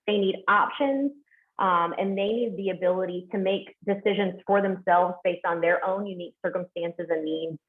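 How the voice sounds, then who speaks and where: A woman's voice: on the low side, normal speed. A woman presenting steps in a webinar, earnest, with frequent fillers and restarts. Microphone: video call. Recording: tinny phone-like call audio.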